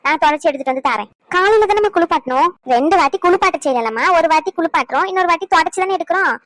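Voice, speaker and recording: A woman's voice: extremely high pitch, lively intonation, rapid-fire, fairly bright tone, no room sound. A woman voicing a fussy, scolding older grandmother in a cartoon. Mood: fussing. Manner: nagging, scolding. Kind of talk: cartoon voice acting.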